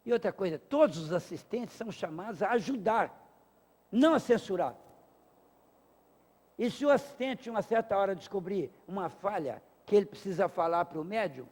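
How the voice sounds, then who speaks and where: At a spiritist association's lecture hall, a man teaches a class in a high, animated, slightly mellow voice at a moderate pace. He is emphatic and rhetorical, acting out small dialogues to drive his points home. The recording carries a long hall reverb.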